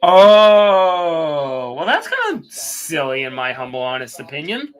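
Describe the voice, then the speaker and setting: A man's voice: mid-range voice, wildly swooping pitch, moderate pace, bright, forceful tone, poor audio. A young man chatting casually while watching a race, rambling and stammering with lots of restarts. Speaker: video creator.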